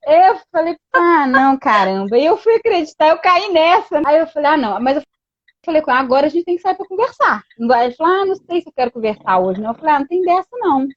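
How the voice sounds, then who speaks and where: High-voiced woman telling a story. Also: very animated, quick pace. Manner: storytelling with many quoted exchanges and frequent "né". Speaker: guest. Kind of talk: casual chat. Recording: dull lo-fi dry sound.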